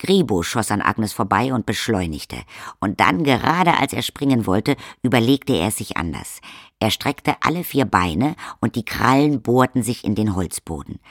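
A man reading the narration of a fantasy audiobook in a measured storytelling manner. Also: lowish voice, sing-song, no room sound, studio quality. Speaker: audiobook reader. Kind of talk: scripted narration.

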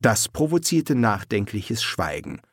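A man's voice: lowish voice, no room sound, studio quality. A man reading an audiobook aloud, narrating and acting out the voices. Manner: expressive, slow reading.

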